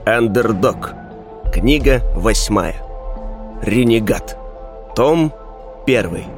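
Measured male audiobook narrator. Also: on the low side, expressive, soft background music. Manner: measured, with dramatic pauses between words. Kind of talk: scripted first-person narration.

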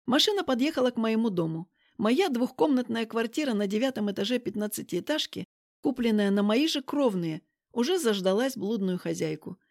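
A woman narrating a first-person romance audiobook in a lively, expressive way. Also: fairly high pitch, fairly quick, no room sound, studio quality.

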